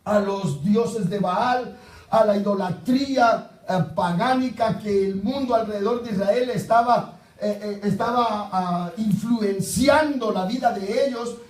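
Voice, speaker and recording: A man preaches a sermon in a fairly high voice, firing rhetorical questions that swing from loud outbursts down to low murmurs. He stands back from the microphone, and the room rings with echo. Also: unhurried, far from the mic. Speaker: pastor.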